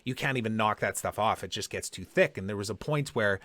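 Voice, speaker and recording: A man's voice: lowish voice, fairly quick, fairly bright tone, no room sound. A man hosting a podcast, telling personal stories in a casual, conversational way and acting out quoted dialogue. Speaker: podcast host.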